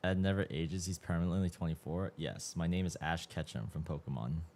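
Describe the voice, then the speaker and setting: A man's voice: low-pitched, a little fast, a little mellow, a little hiss or hum. A man in his mid twenties, chatting casually as a livestream host, slangy and swearing freely, sounding tired. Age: 20s. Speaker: streamer.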